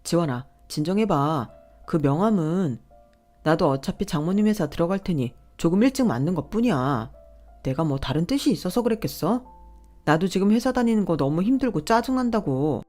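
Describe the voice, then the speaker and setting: Entitled grasping husband in a storybook tale, bossy and whiny, low-pitched, read by a woman. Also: lively intonation, normal speed, warm tone, faint music behind. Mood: defensive. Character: greedy boastful husband, adult man.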